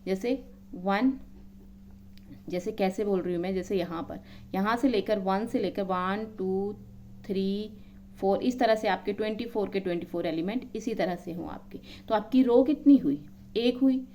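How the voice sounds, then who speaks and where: A woman's voice: medium pitch, moderate pace, mellow, slight background noise. A woman maths teacher explaining a lesson, counting items aloud one by one and checking in often with her students.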